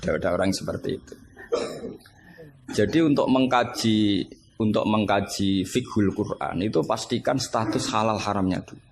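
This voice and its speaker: A man with a Javanese accent teaching Islamic law to students in a relaxed religious lecture, telling jokes and stories in an animated way. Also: fairly low pitch, moderate pace. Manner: joking, animated storytelling with laughter. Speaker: Islamic scholar teaching fiqh. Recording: noisy live recording with ambience.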